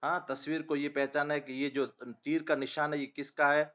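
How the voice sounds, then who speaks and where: A patient male teacher walks children through letters and word lists in a steady sing-song. He asks his own questions and answers them, speaking a tinge. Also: fairly high pitch. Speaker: Urdu teacher. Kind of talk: children's reading lesson.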